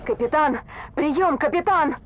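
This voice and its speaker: A woman's voice: high voice, unhurried, lo-fi sound, heavy background noise. An actress playing a soldier in a game who urgently calls her captain over a radio transmission.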